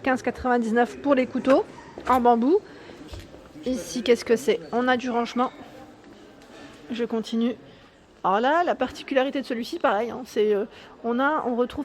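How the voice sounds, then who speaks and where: A woman giving an enthusiastic, chatty walkthrough vlog in a furniture store showroom, often tagging "hein" and correcting herself. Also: on the high side. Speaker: YouTube vlogger.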